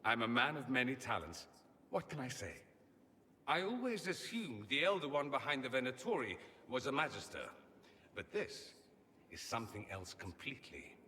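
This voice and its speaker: A man's voice: mid-range voice, big pitch swings, normal speed, sharp tone, in a large hall. An actor playing a witty, self-assured male mage from a foreign empire, theatrical in manner, in video game dialogue.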